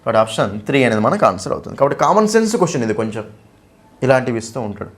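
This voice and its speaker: A man's voice: mid-range voice, sing-song, rapid-fire. A man teaching an exam-prep English lesson, explaining step by step and asking students questions.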